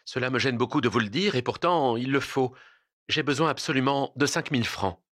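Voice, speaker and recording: A man's voice: medium pitch, fairly quick, fairly bright tone, lightly acted. A man reading aloud, voicing a distressed young woman who trembles and pleads, close to tears. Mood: uneasy.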